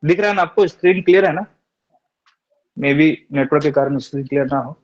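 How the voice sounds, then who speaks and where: Young man, online teacher, reassuring and patient, repeats sounds slowly, raised pitch, lo-fi muffled audio. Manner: reassuring, repeats syllables slowly, often asks "theek hai?". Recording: dull lo-fi online class audio.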